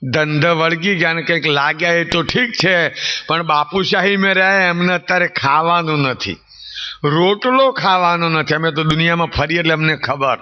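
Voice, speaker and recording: Male preacher, high voice, story sermon with emphatic swoops, dull recording. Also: moderate pace. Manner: rhetorical questions to the audience, swooping emphatic delivery.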